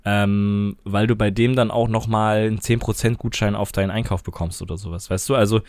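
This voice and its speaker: A man co-hosting a podcast in casual chat, talking emphatically and quick to disagree. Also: fairly low pitch, steady tone, a little mellow, no room sound, studio quality. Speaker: podcast co-host.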